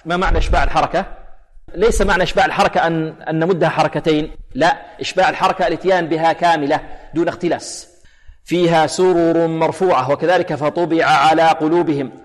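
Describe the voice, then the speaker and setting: A man teaching Quran recitation rules, explaining and then slowly demonstrating letters and verses. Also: on the high side, steady tone. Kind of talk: tajweed lesson with recited examples. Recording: long hall reverb.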